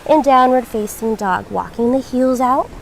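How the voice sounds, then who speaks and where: Female yoga teacher, high voice, guiding a class with reassuring, measured instruction over light background noise. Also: vocal fry, poor audio. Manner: encouraging, reassuring, measured cueing.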